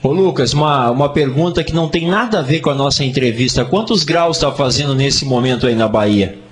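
A man's voice: mid-range voice, a little fast. A man, hosting a casual radio interview. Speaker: radio host.

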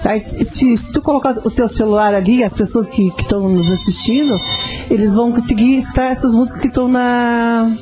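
A woman's voice: fairly high pitch, steady tone, brisk, over music. A woman with a southern Brazilian gaúcho accent, chatting as a radio interview guest and repeating words as she explains. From Rio Grande do Sul, Brazil.

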